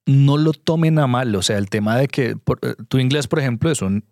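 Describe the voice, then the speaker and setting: A male investor appearing as a guest on a conversational podcast interview offers direct advice in an earnest, emphatic way. His mid-range voice is brisk with a darkish tone, captured in a dry, studio-quality recording.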